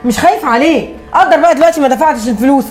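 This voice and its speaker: A woman's voice: high voice, expressive, rapid-fire, darkish tone, soft background music. A middle-aged woman with an Egyptian accent acting a nagging, disapproving mother. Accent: Egyptian Arabic.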